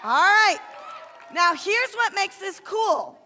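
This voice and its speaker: Woman children's ministry leader, high bright register, warm teacherly encouragement, in a long-echo church hall. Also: animated, a faint crowd, a little hiss or hum. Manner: encouraging, teacherly, slow deliberate recitation. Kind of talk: leading children in a memory verse with motions. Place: church sanctuary stage.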